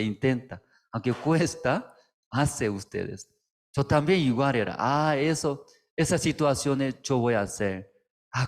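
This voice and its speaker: Un pastor predicando un sermón con frases sencillas y entrecortadas, muchos "mm" y preguntas retóricas al público. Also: male voice, mid-range voice. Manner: halting, simple phrasing with frequent "mm" and rhetorical questions. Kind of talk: sermon. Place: church service, streamed online.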